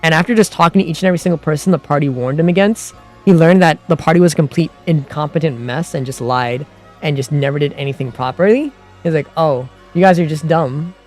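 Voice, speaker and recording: A man's voice: a little high, fast talker, faint music behind. A man chatting casually with his stream viewers, rambling with lots of fillers and restarts, and sounding exasperated. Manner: grows heated and exasperated. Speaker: livestream host.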